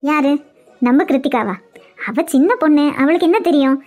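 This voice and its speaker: A woman with a high, slightly fast, darkish voice lightly acts the part of an older aunt in a cartoon web series, speaking with a Kanyakumari Tamil accent. The aunt is caring yet bossy, coaxing and scolding by turns.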